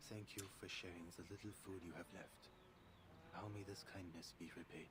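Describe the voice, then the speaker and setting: A man's voice: low voice, fairly even intonation, fairly quick, heavy background noise, lightly acted. An actor playing a solemn, courteous immortal male wanderer with formal, archaic phrasing in a video game.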